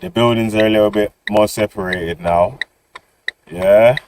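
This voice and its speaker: A male livestream host with a London roadman accent talks casually and slangily in a lowish voice. His delivery is slow and loose, full of repeated tag questions as he chats to his stream outdoors. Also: background noise. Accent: London, street roadman style. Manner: slangy, repetitive, punctuated with "yeah?" and "innit". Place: outdoors on city streets while streaming.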